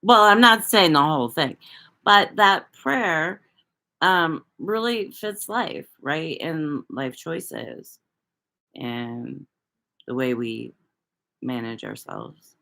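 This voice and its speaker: A woman's voice: deep voice, sing-song, slow pace, vocal fry, sharp tone. A woman hosting a casual livestream, talking loosely to viewers, rambling and swearing freely. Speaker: livestream host reading viewer chat.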